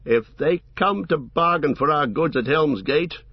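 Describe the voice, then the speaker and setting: A man voicing a steady, earnest older male soldier. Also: a little high, measured pace, breathy edge, no room sound, lo-fi sound, pitched above the performer's own voice.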